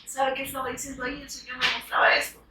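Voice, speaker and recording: A woman's voice: high-pitched, level tone, quick pace, very noisy. A woman preaching a sermon to a congregation, speaking emphatically, urging her listeners to look closely and punctuating her points with amen. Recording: echoey room, voice picked up from a distance.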